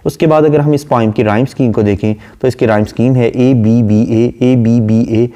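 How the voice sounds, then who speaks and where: A man, lecturing on a poem and explaining it line by line, reading the verse slowly. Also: mid-range voice, fairly even intonation, dark tone. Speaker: literature lecturer.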